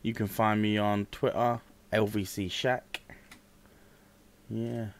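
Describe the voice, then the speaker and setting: A man's voice: on the low side, little pitch movement, takes it slowly, slight background noise. A British man hosting a casual podcast, talking bluntly and swearing freely. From Britain. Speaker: podcast host.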